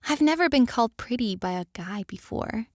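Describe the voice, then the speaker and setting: A woman's voice: on the high side, expressive, normal speed, dry recording, studio quality. A woman reading a scripted first-person story as its narrator.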